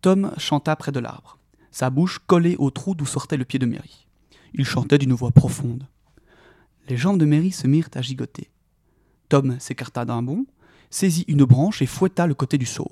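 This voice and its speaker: Guy reading a story out loud, steady expressive telling, dry sound. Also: mid-range voice, normal speed, dry recording. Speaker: storyteller reading a novel aloud. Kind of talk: audiobook-style read-aloud.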